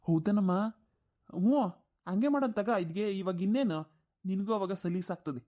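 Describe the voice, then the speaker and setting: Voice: medium pitch, animated, normal speed, warm tone, lightly acted. A performer doing a whiny, lazy grown son. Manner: whiny, complaining. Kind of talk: cartoon voice acting.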